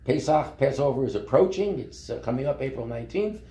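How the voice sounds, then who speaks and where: Older new guy in his 70s telling his story, lots of uhs and restarts, dark mellow tone, kinda echoey room. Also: mid-range voice, fairly quick. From Brooklyn, New York. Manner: relaxed, rambling, with frequent fillers and restarts. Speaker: company founder. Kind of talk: interview storytelling. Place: office meeting room.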